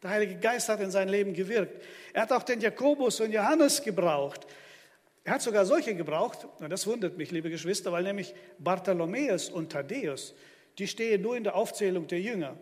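A man's voice: sits high, lively intonation, moderate pace. A man preaching an emphatic sermon to his congregation in a church hall. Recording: long church hall reverb.

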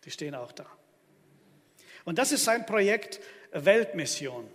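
A man's voice: high-pitched, big pitch swings, a little slow. A man preaching an emphatic sermon to his congregation in a church hall. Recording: long church hall reverb.

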